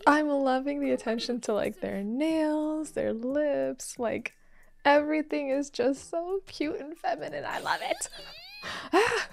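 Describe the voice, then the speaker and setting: A young woman hosting an anime reaction, gushing with excitable, giggly comments and gasps. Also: high-pitched, a little slow, vocal fry.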